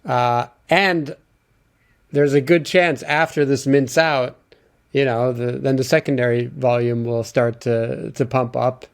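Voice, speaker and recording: A man guest talking casually, explaining in halting speech with many fillers. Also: medium pitch, steady tone. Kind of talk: casual chat.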